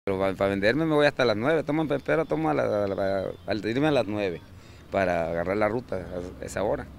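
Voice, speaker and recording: Gravelly guy, street fish seller, rambly with lots of fillers, a bit of outdoor noise. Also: fairly low pitch, lively intonation, a little fast. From Mexico. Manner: rambling, with many fillers and restarts. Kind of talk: casual interview.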